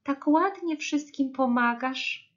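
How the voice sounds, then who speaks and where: A woman's voice: sits high, slow pace, lo-fi sound, voice pushed up. A woman voicing a cheerful female moose kindergarten teacher, chirpy and kindly.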